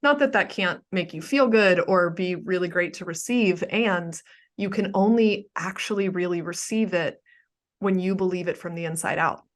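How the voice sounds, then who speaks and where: A woman's voice: fairly low pitch, moderate pace. Affirming woman podcast host. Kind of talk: casual podcast conversation.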